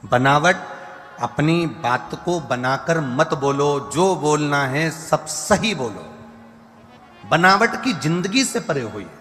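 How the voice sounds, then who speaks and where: A man's voice: on the high side, expressive, takes it slowly, fairly bright tone. A man preaching a devotional sermon, hammering points through repeated lists and now and then singing verses. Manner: repetitive emphatic lists, breaks into song. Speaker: katha preacher. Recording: live hall reverb with faint music.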